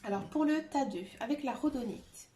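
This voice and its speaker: A woman giving a tarot reading to her viewers, talking gently and hesitantly with many filler sounds. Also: on the high side, normal speed. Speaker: tarot card reader. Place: room at home, dog nearby. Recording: echoey room with faint noise.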